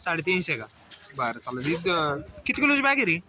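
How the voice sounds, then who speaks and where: A man vlogging from an outdoor vegetable market, firing quick questions at farmers and repeating each answer back as a question. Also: fairly high pitch, big pitch swings, crowd noise. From Maharashtra. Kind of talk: quick on-the-spot interviews with farmers. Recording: noisy open-air market.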